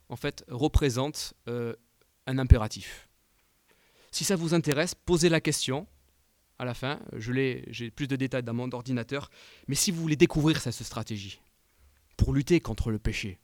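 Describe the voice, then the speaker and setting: Male preacher, mid-range voice, sermon delivery with emphatic climbs and hushed endings. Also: mid-range voice, no echo. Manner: rising to emphatic peaks, then dropping quiet; asks the listeners direct questions. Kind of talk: evening sermon.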